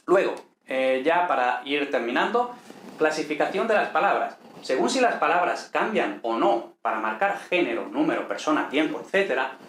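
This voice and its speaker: A man, explaining a language lesson at an unhurried pace, with many checking questions and fillers. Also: mid-range voice, fairly bright tone. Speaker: teacher. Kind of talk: explaining ancient Greek lesson. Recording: echoey room with faint noise.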